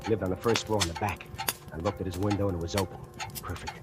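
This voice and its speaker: This 1940s radio performance features a deep-voiced actor as a scheming factory worker who gloats over and confides his own murder plot with sly relish. His tone stays steady, his pace quick, and his acting light, all heard through an old broadcast with music.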